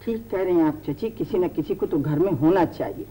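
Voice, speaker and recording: An actress playing an anxious, genteel household matriarch who frets and bickers, in an old TV drama. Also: female voice, fairly low pitch, a little fast, dark tone, lightly acted, low-quality recording. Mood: fretful. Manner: fretful and bickering. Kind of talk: 1980s TV drama acting. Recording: old TV drama audio, light noise.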